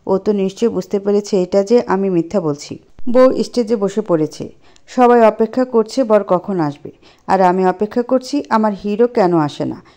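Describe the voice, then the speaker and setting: Mellow-voiced woman narrating a story. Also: mid-range voice, moderate pace. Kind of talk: first-person story narration.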